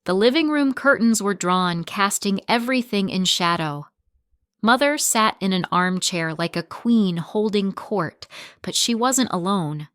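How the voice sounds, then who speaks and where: A woman narrating a first-person revenge story in a steady, even storytelling delivery, recorded close to the mic. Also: mid-range voice, a little slow, smooth, no echo.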